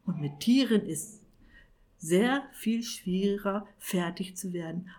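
Woman putting on a panicky old warlock man, high pleading whine, audiobook figure. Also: warm tone, lightly acted. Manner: shrill, pleading, rising to cries. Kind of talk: audiobook character voice.

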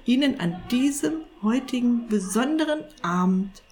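A woman voicing a small, eager male cat who flatters and coaxes his master, in a storybook reading. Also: a little high, a little slow, voice pushed up. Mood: earnest. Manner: eager, wheedling, polite.

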